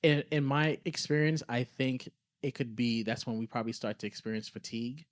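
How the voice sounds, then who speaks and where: This man co-hosts a podcast, his medium-pitched voice brisk and free of room sound. He speaks reflectively and conversationally, earnestly explaining things and thinking aloud.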